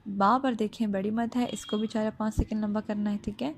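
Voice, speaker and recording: A woman's voice: medium pitch, flat delivery, creaky, a little hiss or hum. Patient woman teaching Quran recitation. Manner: slow drawn-out recitation, then plain step-by-step explaining; patient, often checks with the listener. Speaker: tajweed teacher.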